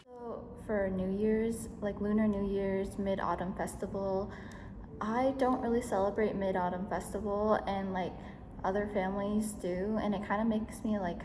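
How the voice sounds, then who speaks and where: A young woman answering interview questions casually, hesitant and full of fillers, talking in loose run-on phrases. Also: mid-range voice. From United States. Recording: echoey room with background noise.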